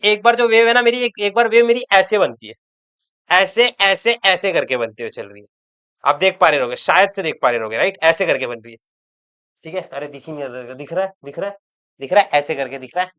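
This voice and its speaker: A man's voice: high voice, fairly bright tone, clean tone. Chatty, joking male chemistry teacher. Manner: chatty, repeats words for emphasis; joking asides to students. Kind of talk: online exam-prep lecture.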